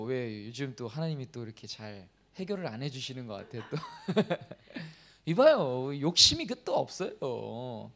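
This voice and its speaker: Pastor guy preaching at church, pretty high voice, keeps throwing questions at the congregation and chuckling. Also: creaky. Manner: reads scripture aloud in a raised, formal voice; chuckles and jokes between points. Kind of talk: sermon. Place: church service.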